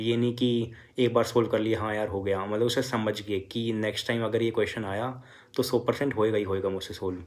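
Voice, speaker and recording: A young man, a first-year medical student, telling his exam story and advising students in a casual, filler-heavy way. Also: mid-range voice. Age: young adult. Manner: conversational, many fillers, advising students directly. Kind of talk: casual motivational talk.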